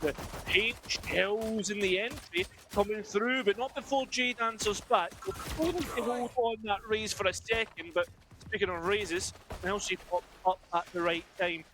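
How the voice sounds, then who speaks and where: A man's voice: high-pitched, noisy background. A British man analysing an esports match as co-caster, explaining tactics in a thoughtful, hesitant way with many fillers.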